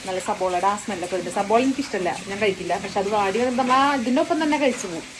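A woman's voice: medium pitch, rapid-fire. Chatty young woman vlogging at speed. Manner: chatty and excitable, addresses viewers as guys. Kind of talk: casual vlog chat. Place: home kitchen. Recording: clear background noise.

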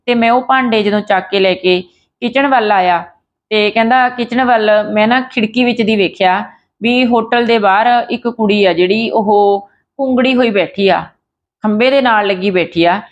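A woman retells a true story in a chatty, unscripted way, circling back with fillers and restarts. Her voice sits at a medium pitch, and the recording sounds dull and lo-fi. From Punjab.

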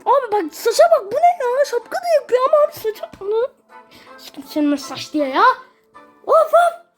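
A woman's voice: very high voice, very animated, a little fast, a little mellow, faint music behind. A woman ranting and swearing through gameplay commentary in a small bedroom at home. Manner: irritable, swears constantly, rants at the game. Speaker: gaming video creator.

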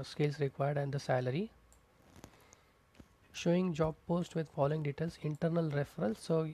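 A programming instructor with a fairly high, creaky, warm voice teaches coding through a screencast tutorial, explaining step by step. He uses fillers and repeats terms, recorded as a close-mic voice-over on a screen recording.

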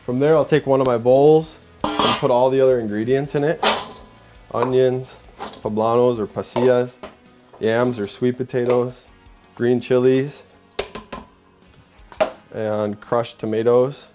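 With fairly even intonation, a measured pace, and long pauses, a young man speaks over music as he hosts an informal cooking demonstration at home. He keeps it upbeat and chatty, narrating each step and dropping a "boom" as he cooks.

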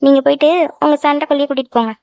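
A jealous young girlfriend in a cartoon, voiced by a woman in a high, rapid voice. She scolds and sulks in quick bursts. The sound is dry and close, with no room around it. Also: steady tone, creaky, a little mellow, no echo, lo-fi sound. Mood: sulky, scolding. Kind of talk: cartoon voice acting.

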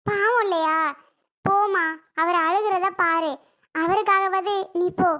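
A woman's voice: very high voice, steady tone, takes it slowly, bright, forceful tone, full character voice. A woman playing a young sister-in-law who pleads with and lectures a relative in a home-made family drama skit. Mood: pleading. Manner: pleading, lecturing, repeats herself.

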